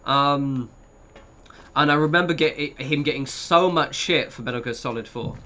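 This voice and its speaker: A man with a modern British Received Pronunciation accent streams a game, giving chatty, bantering commentary full of swearing. His voice is medium-pitched, pushed and bright, at a normal speed.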